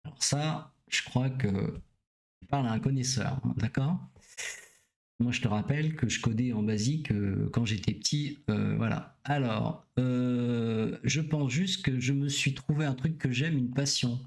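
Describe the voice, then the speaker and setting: A middle-aged man talks through ideas in a relaxed, unscripted way, as a doctor chatting with his audience. He hesitates often and keeps asking his listeners whether they follow. His voice sits in an ordinary middle pitch. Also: unhurried, vocal fry. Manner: hesitant, many "euh" fillers, often checks in with listeners. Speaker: doctor streaming to viewers. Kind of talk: casual explanatory talk to a live audience.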